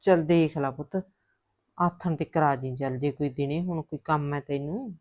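A woman playing a low-voiced worried mother-in-law. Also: normal speed, a little mellow. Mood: coaxing. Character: worried older mother-in-law, alone at home. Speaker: mother-in-law calling on the phone.

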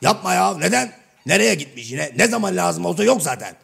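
Brief: a man playing a raspy, half-deaf shadow-play joker, rough gravelly voice that swings wildly up and down, cheeky and mock-innocent. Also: high-pitched, very animated, fairly quick, fairly bright tone, exaggerated voice. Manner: mishears everything and answers with cheeky misunderstandings. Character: Karagöz, blunt mishearing everyman, male, middle-aged. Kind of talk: comic shadow-play sketch.

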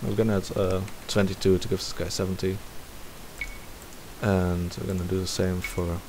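Speaking in a low voice at a moderate pace, a man presents a casual screen-recorded game tutorial, thinking aloud as he goes step by step. A steady hiss runs behind his voice.

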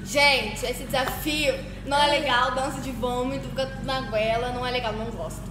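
A woman's voice: high-pitched, steady tone, fairly quick. A young woman with a Brazilian accent, chatting casually to viewers. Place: indoor room, at a table. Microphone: camera a short distance away. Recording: roomy echo, clear background noise.

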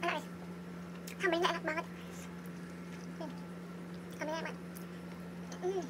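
A high-pitched woman chats to her viewers with her mouth full of food during an eating vlog, loose and relaxed. Clear background noise runs under her voice throughout. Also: measured pace. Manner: relaxed, chatty, addresses viewers as guys. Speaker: mukbang vlogger. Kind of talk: casual eating vlog chat. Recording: noisy home recording.

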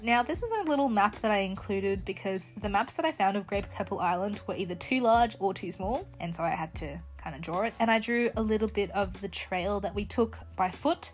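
A woman narrates her travel journal in a relaxed voice-over. She sounds chatty and upbeat, with a mid-range voice and a soft laugh now and then. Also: medium pitch. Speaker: travel vlogger. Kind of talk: casual voice-over narration of a journal flip-through.

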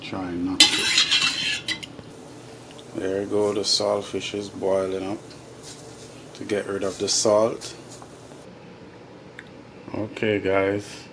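A Jamaican man talks slowly through his home cooking, his low voice staying flat and unhurried as he explains each step to viewers. The phone recording picks up clear kitchen noise, with pots boiling in the background. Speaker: home cooking show host. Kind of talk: casual cooking vlog. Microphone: phone camera held over the stove. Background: pots boiling and sizzling.

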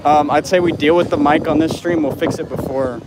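A man working behind the camera on a live stream, chatting casually outdoors in halting, repeated phrases. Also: on the high side, fairly even intonation. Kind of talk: casual chat. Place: outdoors on a city street. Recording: loud outdoor street noise.

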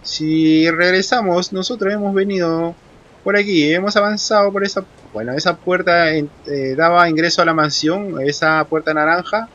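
A man's voice: a little high, moderate pace, a bit bright, highs cut off. A man playing a horror game, commenting casually and swearing a lot, shrieking in panic when scared. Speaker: gamer. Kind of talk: horror let's play commentary.

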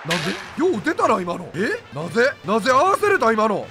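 A young man with a Kansai accent commentates his own gameplay in an excitable, high, wildly swinging voice. He talks fast and bursts into rapid repeated exclamations, with game music playing clearly behind him. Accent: Kansai Japanese. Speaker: game YouTuber.

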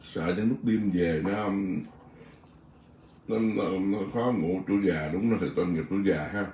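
A middle-aged man chats loosely over a meal, circling back on his words. His voice is low and gravelly. He sits away from the mic in a roomy space with faint noise. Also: normal speed, mellow, far from the mic. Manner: chatty, rambling, repeats words. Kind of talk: casual chat.

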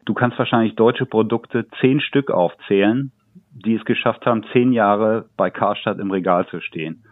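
A man's voice: fairly low pitch, moderate pace, no echo. A man, a game developer being interviewed, telling stories about his work with light laughs now and then. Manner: talkative, recounts anecdotes with light laughs. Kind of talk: interview answers, relaxed storytelling. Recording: dull phone-like line.

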